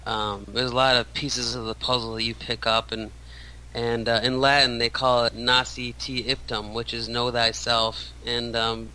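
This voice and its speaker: A man's voice: medium pitch, little pitch movement, normal speed, bright, forceful tone, slight background noise, rough recording. A man in his thirties, a radio show guest, talking casually with many restarts and fillers. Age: 30s. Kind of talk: casual interview talk.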